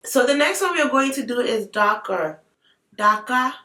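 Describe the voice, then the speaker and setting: A woman's voice: on the high side, animated, normal speed, a bit bright. Chatty woman with an African accent. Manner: chatty, playful asides while swatching. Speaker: beauty vlogger. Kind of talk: casual makeup tutorial chat. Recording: roomy sound, mic at a distance.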